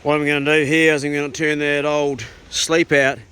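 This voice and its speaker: A man's voice: fairly high pitch, flat delivery, normal speed, smooth. A man with a broad New Zealand accent chatting casually in a laid-back, matey, slangy way as he vlogs outdoors. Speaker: vlogger. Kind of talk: casual outdoor vlog chat and commentary. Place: outdoors on a farm and small boat. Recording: loud outdoor wind and boat noise.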